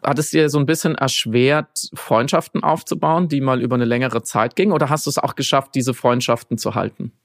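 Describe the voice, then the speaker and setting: Gravelly host asking questions. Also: medium pitch, brisk, few pauses, no room sound. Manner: attentive, asks follow-up questions, frequent listening noises. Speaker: podcast host. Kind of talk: interview questions. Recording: dry close studio sound.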